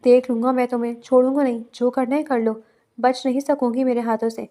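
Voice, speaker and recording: A woman's voice: high-pitched, fairly even intonation, darkish tone, natural voice. A woman reading the lines of a greedy young male villain in an angry, threatening tone.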